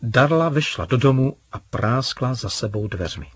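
A man, reading a children's story aloud in a measured, even way. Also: mid-range voice, faint music behind. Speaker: narrator.

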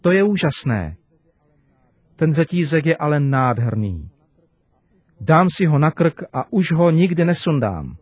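A man voicing a loving, excitable little girl who pleads and cries out with emotion. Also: a little high, long pauses, breathy edge, no echo. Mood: excited.

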